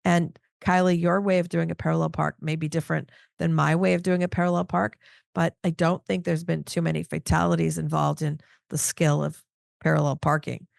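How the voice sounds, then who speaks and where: A woman's voice: sits low, little pitch movement, brisk, gravelly, no room sound, studio quality. A middle-aged woman interviewing on a podcast, talking thoughtfully with frequent restarts and "you know"s. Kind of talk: casual podcast chat.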